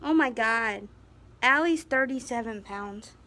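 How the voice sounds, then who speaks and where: Filming herself at home with a handheld phone, an American woman talks about her dog in a relaxed vlog, occasionally scolding it. She speaks unhurriedly in a slightly high voice with a sharp tone.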